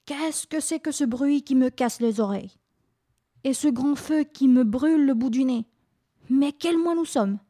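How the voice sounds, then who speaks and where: A woman's voice: sits high, measured pace, mellow, pitched above the performer's own voice. A woman voicing old Winter, a grumbling bearded figure roused from sleep, in a story read on the radio. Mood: grumpy. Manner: grumbling, cranky. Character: grumpy old Winter, bearded giant just woken.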